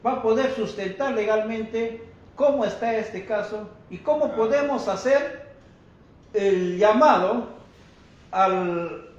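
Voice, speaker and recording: Slow, high-voiced man denouncing. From Peru. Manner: deliberate, denouncing, addresses listeners as brothers. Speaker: activist speaking at a press conference. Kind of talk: press conference statement. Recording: echoey muffled room with faint noise.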